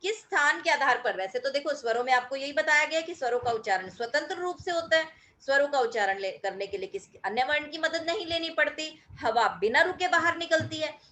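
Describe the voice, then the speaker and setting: A middle-aged woman teacher explains a recorded grammar lesson to her pupils in a high, clear voice. She is patient and methodical, stretching out sounds when she demonstrates how they are pronounced. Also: animated, fairly quick, bright, forceful tone. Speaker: school teacher.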